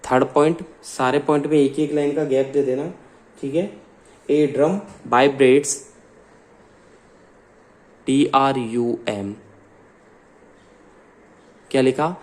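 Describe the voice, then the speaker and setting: Speaking in a mid-range, slightly mellow voice with fairly even intonation, an Indian-accented man dictates science notes at a slow pace. He switches between Hindi and English and spells words out one letter at a time.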